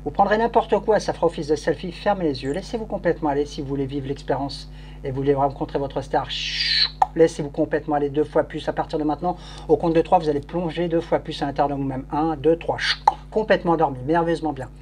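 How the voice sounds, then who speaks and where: A man's voice: a little high, steady tone, fast. Male stage hypnotist, noisy live recording. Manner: repetitive, commanding suggestions with shushing. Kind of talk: live hypnosis show, commands and suggestions.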